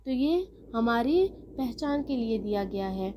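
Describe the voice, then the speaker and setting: A woman teaching a recorded lesson on reading Arabic letters as an online Quran teacher. She explains step by step and stretches letter names out slowly and loudly. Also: a little high, animated, background noise.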